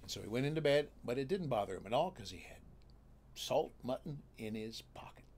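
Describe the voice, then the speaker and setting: A man telling a folk tale in a folksy, drawling, animated way. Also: medium pitch, brisk, vocal fry. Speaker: storyteller.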